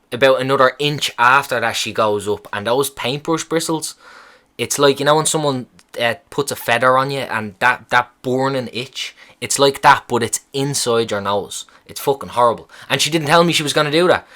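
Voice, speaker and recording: A young man casually telling a story on his podcast, swearing freely and acting out what people said. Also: mid-range voice. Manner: profane, animated retelling of a hospital visit. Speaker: podcast host.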